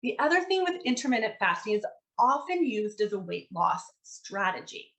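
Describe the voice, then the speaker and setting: Woman dietitian on a video call, talky and casual, lots of ums, bit of dry sarcasm, mid-pitched voice. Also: very animated, normal speed, a bit bright, poor audio. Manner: conversational, filler-heavy, dry sarcasm. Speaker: dietitian presenter. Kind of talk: online presentation to teachers.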